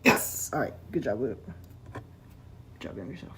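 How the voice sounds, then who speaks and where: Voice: medium pitch, very animated, normal speed, a bit bright, a little hiss or hum. A streamer chatting casually while painting, rambling and talking to themself about the work. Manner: rambling, self-talk while working.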